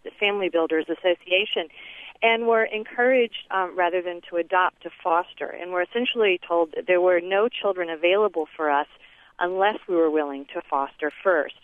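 A woman's voice: fairly low pitch, moderate pace, no echo. A woman calling in to a radio show over the phone, speaking earnestly with many ums and uhs. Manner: earnest, lots of um and uh fillers. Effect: phone line call into a radio show. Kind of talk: call-in talk on a radio show. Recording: tinny dry phone line.

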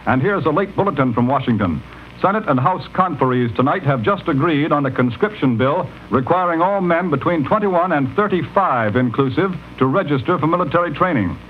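A man delivering a 1940s radio news bulletin in a formal, measured announcer manner, heard as an old newsreel radio broadcast. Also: a little high, expressive. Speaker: radio newscaster. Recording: dull lo-fi archival radio with faint hiss.

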